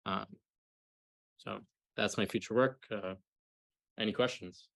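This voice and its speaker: Hesitant young man with a lowish, dry voice. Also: steady tone, a little slow, creaky, a bit bright, dry recording. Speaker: graduate student defending a thesis. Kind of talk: technical presentation and question answering.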